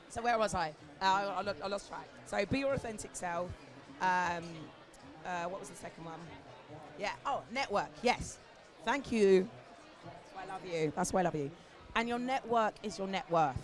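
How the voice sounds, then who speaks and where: Crowd noise surrounds this live festival panel, where a British agency founder in her forties chats candidly in a mid-range voice at a moderate pace. Hoarse to the point of losing her voice, she stays animated and swears casually.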